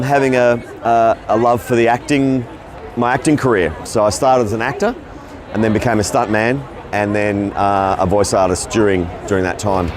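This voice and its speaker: On a convention floor, a middle-aged Australian voice actor gives casual interview answers, telling his career story in a loose, rambling way. His voice is medium in pitch, and the recording has a little hiss or hum.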